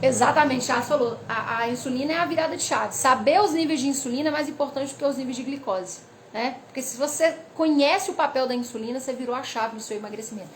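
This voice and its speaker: High-voiced woman explaining hormones. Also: fast talker, few pauses. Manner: lively, reads notes, frequent "né?" and "tá?" asides. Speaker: weight-loss educator. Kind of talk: casual explanatory talk to camera. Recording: faint background noise.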